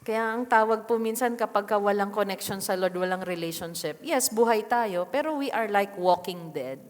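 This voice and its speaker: A woman's voice: mid-range voice, normal speed. A woman with a Filipino accent preaching a sermon, switching between Tagalog and English and often asking the congregation questions. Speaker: pastor. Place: church. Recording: long reverb of a church hall.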